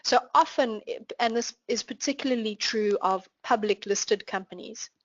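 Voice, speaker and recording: A woman's voice: on the high side, normal speed, dry recording, dull audio. South African woman teaching finance online. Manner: clear explanatory teaching with worked examples. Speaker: finance instructor. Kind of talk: live online class lecture.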